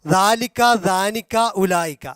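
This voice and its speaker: A man teaching a language class, slowly repeating and drilling grammar forms, with a Malayali accent. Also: sits high, a bit bright, no echo, studio quality. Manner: slow, drilling repetition of forms. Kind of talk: explaining grammar in a video class.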